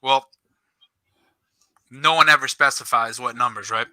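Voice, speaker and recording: Animated New coach with a bright voice. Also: male voice, medium pitch, unhurried, rough recording. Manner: animated, swears, acts out quoted dialogue. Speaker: youth football coach. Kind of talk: casual podcast storytelling.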